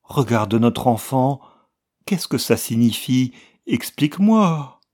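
A man's voice: medium pitch, big pitch swings, slow pace, a little mellow, voice pushed up. A man voicing a desperate young woman, a distraught wife and mother, crying out in pleading, near-hysterical lines.

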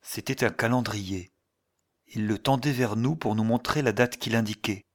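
Low-voiced man narrating a story. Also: moderate pace. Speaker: audiobook narrator. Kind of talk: scripted narration.

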